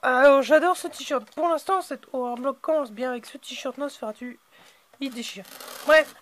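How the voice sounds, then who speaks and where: A man hosting a casual unboxing video, hesitant and filling his pauses with "euh" and "voilà". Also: extremely high pitch, fairly bright tone.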